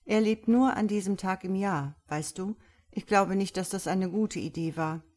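A woman's voice: medium pitch, normal speed, a little mellow, lightly acted. A woman voicing a gloomy, grumbling helmeted male creature in a read-aloud story. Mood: worried. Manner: grumbling and worried.

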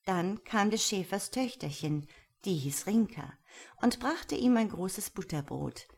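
A woman reading a fairy tale aloud in a calm, even storytelling manner. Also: mid-range voice, unhurried, creaky, slightly rough.

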